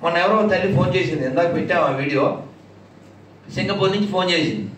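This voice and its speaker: High-pitched male preacher, mocking and combative, sings verses, distant mic in a very echoey hall. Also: animated, fast, fairly bright tone, a little hiss or hum. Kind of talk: discourse to an audience with chanted verses.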